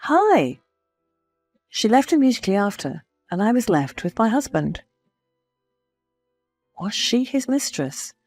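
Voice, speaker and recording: A woman's voice: mid-range voice, very animated, a little slow, long pauses, a little mellow, soft background music. A woman narrating a first-person story in a confiding, storytelling manner.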